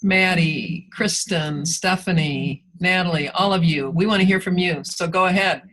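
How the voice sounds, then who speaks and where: A woman leading a workshop over a video call, brisk and friendly, moving the group along. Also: fairly low pitch, a bit bright, poor audio. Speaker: workshop facilitator.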